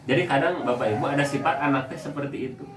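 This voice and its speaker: A man's voice: on the high side, fast talker. A young man with a Sundanese-accented Indonesian voice preaching on family life, telling humorous personal stories to a congregation. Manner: animated, humorous personal storytelling. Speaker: Islamic preacher. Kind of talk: family religious talk to a congregation. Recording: echoey hall, distant mic, background noise.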